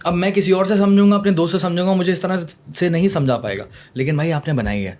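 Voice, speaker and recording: A man's voice: high-pitched, darkish tone, slight background noise. Chatty podcast host man. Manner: chatty, chimes in with agreement, mixes in English. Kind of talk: casual podcast interview.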